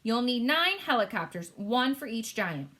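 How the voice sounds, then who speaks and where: A woman playing a calm, firm queen in a storybook read-aloud. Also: fairly high pitch, normal speed, voice pushed up. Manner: firm and composed.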